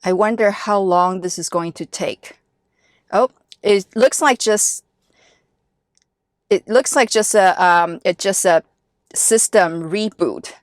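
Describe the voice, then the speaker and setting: A woman's voice: medium pitch, takes it slowly, long pauses, no room sound. A woman from Taiwan, a native Chinese speaker, chattily explaining step by step from inside her car. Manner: chatty and explanatory, walking viewers through steps. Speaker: car vlogger. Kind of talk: casual vlog narration.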